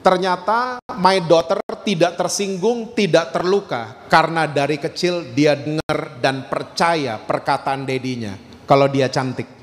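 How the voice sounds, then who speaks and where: A middle-aged man preaching a sermon as a pastor, telling stories with animated acted-out quotes and mixing in English words. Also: a little high, unhurried, long reverb tail. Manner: animated storytelling, acting out quotes.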